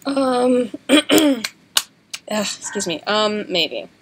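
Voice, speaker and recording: Soft-spoken mumbling young woman. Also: fairly high pitch, expressive, drawn-out words, noisy background. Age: young adult. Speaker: co-player. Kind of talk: casual let's-play chat.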